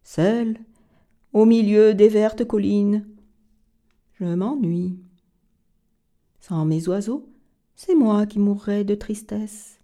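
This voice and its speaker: A woman voicing a lonely singing tree in a storybook, speaking slowly and wistfully. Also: mid-range voice, warm tone.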